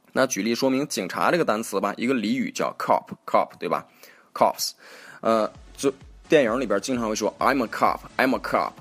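A man hosting a casual spoken lesson on English pronunciation, chatty, correcting himself as he goes and repeating example words aloud. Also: mid-range voice. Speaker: host teaching English pronunciation.

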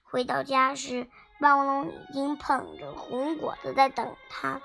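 A child reading a picture book aloud, haltingly, often repeating and correcting words. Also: sits high, fairly even intonation, gravelly, pushed and bright, faint music behind. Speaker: storybook reader.

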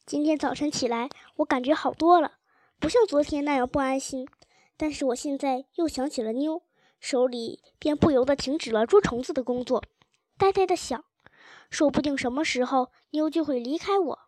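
A woman reading a childhood story aloud in a gentle, even storytelling manner. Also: high voice, moderate pace, dry recording, clean studio sound. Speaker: audiobook narrator.

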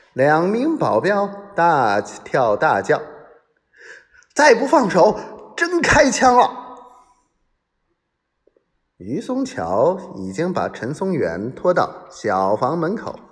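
Male serial storyteller, unhurried, lively pitch, long reverb. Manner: dramatic, acts out quoted voices.

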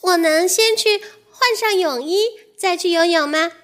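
A woman voicing a small, fearful little mouse in a children's storybook, with a squeaky, hesitant voice. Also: unhurried, a bit bright. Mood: excited. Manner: squeaky, hesitant, high-pitched.

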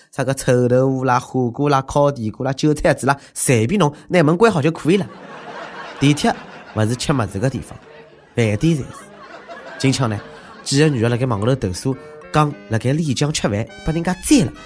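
Sarcastic Shanghai-accented man, lively pitch swings. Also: a little fast, soft background music. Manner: sarcastic, mocking, conversational delivery. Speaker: host of a comic news commentary show. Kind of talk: humorous news commentary in Shanghainese dialect.

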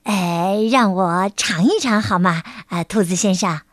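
A woman's voice: mid-range voice, measured pace, no echo, studio quality, voice pushed down, lightly acted. A woman voicing a lazy, messy, cheerful female bear in a storybook reading, with an easygoing, drawling manner. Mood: coaxing.

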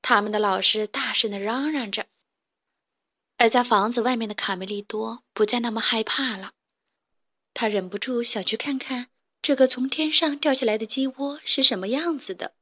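Female storyteller, fairly high voice, gentle expressive children's narration. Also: moderate pace.

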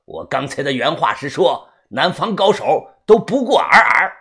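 A narrator putting on a deep, cocky kung-fu master. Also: very animated, creaky, fairly bright tone, breathy edge, full character voice. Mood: sly. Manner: slow, drawling, mocking. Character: deep-voiced eccentric male martial arts master, cocky and crude. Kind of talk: storytelling.

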